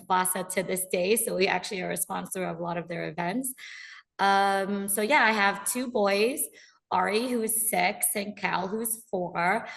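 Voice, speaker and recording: Chatting casually as a guest on a podcast interview, a woman from the United States keeps things upbeat, laughs a lot, and uses ums to fill pauses. She speaks in a mid-range voice with vocal fry.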